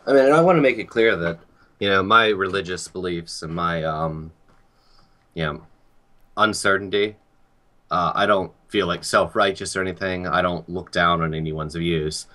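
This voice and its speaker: A young man talking calmly and earnestly about life and worry in a casual chat. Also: low voice, normal speed. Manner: calm, earnest, reflective. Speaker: guest.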